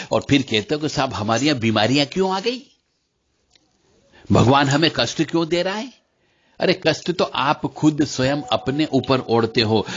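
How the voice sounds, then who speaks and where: A man teaching about mantras in a devotional lecture, speaking directly to listeners and chanting syllables slowly between explanations. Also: mid-range voice, a bit bright. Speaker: spiritual teacher. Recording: slightly dull lo-fi recording.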